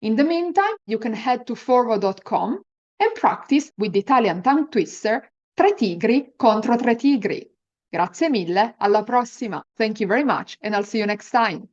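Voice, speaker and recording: A woman teaches pronunciation with a fairly high, very animated voice. She demonstrates the rolled R in an encouraging way, enunciating example words for the learner to repeat. The recording is a little dull. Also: moderate pace. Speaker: Italian language teacher.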